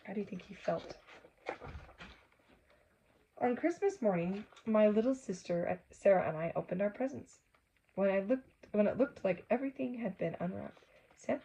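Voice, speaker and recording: The audio is poor, and this woman's medium-pitched voice has vocal fry and a breathy edge. She reads a kids' book with lots of animation, acting out exclamations and stopping to ask her little listeners questions and talk with them.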